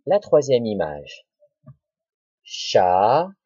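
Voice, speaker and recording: Slow, deliberate male teacher. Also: lowish voice, huge pitch swings, dark tone, slightly rough, dry recording. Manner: slow, deliberate, repeats words and syllables. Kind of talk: home-schooling lesson for young children. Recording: dull lo-fi recording.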